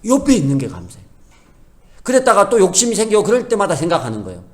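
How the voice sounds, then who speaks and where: A middle-aged man preaches a sermon with a voice a little higher than most men's, rising and falling in a wide, animated arc. He swings from loud, pressing emphasis to quiet asides, and now and then slips into short bits of everyday family talk as if speaking them himself. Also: fast. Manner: acts out everyday family dialogue in quoted voices. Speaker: pastor.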